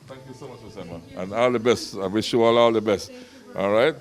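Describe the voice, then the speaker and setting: A man's voice: fairly low pitch, brisk. A middle-aged man hosting a casual on-site interview, chatty and prone to repeating words. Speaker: host.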